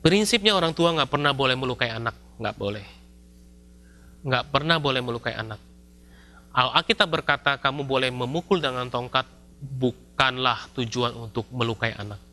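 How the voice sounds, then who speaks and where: A male pastor, preaching a sermon in a lively, storytelling way with casual slang. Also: mid-range voice, moderate pace. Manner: lively storytelling, acts out scenes with shouts and mock voices; casual colloquial Jakarta-style slang mixed in.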